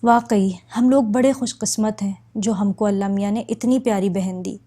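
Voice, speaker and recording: A woman's voice: medium pitch, fairly even intonation, warm tone, lightly acted. A woman reading as a proud, loving elder brother.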